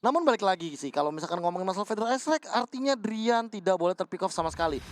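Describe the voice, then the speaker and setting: A man's voice: sits high, expressive, fast, no room sound, studio quality. An Indonesian man giving analytical live commentary on an esports match.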